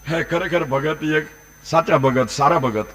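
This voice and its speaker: Bright-voiced preacher. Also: male voice, fairly high pitch, normal speed. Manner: lively, dramatic storytelling. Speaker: religious storyteller. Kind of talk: devotional scripture recitation and folk storytelling.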